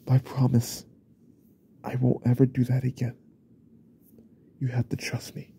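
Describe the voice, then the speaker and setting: A young man voicing an unstable, remorseful young husband in a whispered role-play, stammering and repeating himself in a husky, often whispered voice. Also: medium pitch, completely flat delivery, measured pace, warm tone. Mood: pleading. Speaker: ASMR role-play creator.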